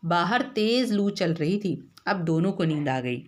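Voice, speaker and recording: A woman's voice: lowish voice, lively intonation, a little slow. A woman teacher reading a textbook story aloud to her class and stopping to explain words and check that they follow. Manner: breaks off the reading to explain words, asks "hai na?". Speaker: school teacher.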